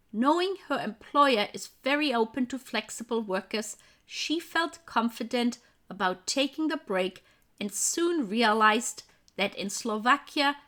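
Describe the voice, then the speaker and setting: A woman's voice: fairly high pitch, fairly bright tone. A woman hosting a podcast, reading a formal introduction and then asking her guest polite questions. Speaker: podcast host. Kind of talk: scripted podcast introduction and interview.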